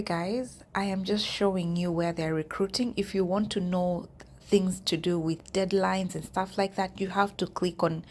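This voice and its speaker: A woman's voice: fairly low pitch, a little hiss or hum. A woman vlogger talking casually to her viewers, chatty and addressing them directly as she walks through job listings. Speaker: YouTube vlogger.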